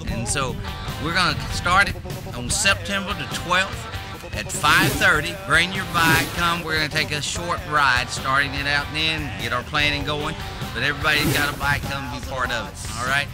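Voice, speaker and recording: A man's voice: fairly high pitch, moderate pace, music in the background. A man of about fifty, a pastor giving folksy, punny church announcements outdoors. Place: outdoor parking lot.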